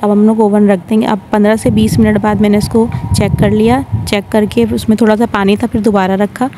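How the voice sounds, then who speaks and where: A brisk woman hosting a cooking channel talks viewers through a home recipe tutorial voice-over in a chatty way, often checking in with "theek hai." Her medium-pitched voice shows little pitch movement, over background noise.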